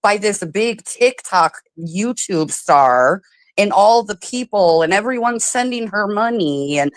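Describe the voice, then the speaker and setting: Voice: mid-range voice, expressive, a little slow, dry recording. Rambling casual talker, dry sound. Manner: casual, rambling, filler-heavy. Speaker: panelist in a played clip.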